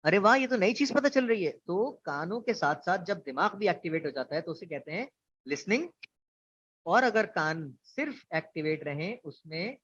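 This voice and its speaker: A man's voice: fairly high pitch, fairly bright tone, husky. Man teaching online class. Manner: explains with examples, asks students questions. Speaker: instructor. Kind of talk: online orientation lecture. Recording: dull lo-fi online class audio.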